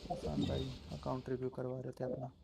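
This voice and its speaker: A man's voice: medium pitch, flat delivery, fast, gravelly. A man from India streaming a game, chatting casually with friends and talking through character builds in a joking way. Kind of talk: casual gaming chat. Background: loud game music.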